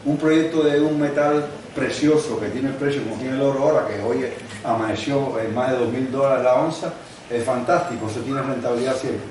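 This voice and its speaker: A man's voice: mid-range voice, brisk, darkish tone, distant mic. Older male guest lecturer, conversational, recorded off-mic in a very echoey room with faint hiss. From Cuba. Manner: conversational, explains with examples and asides. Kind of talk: university lecture. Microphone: no microphone, distant recording.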